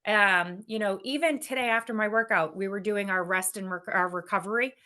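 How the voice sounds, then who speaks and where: A woman's voice: mid-range voice, brisk. A woman guest in a casual interview, talking candidly and energetically with frequent laughs. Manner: energetic and candid, laughs often, many restarts. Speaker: guest, business executive.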